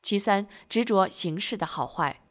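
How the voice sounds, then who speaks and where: A woman reading a prepared text aloud at a steady, even pace. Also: mid-range voice, moderate pace.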